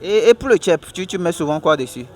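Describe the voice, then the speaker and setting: A man hosting a casual outdoor interview at a food stall, speaking in a lively, upbeat way. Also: a little high, a little fast. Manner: lively and upbeat, laughs easily. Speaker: interviewer and show host.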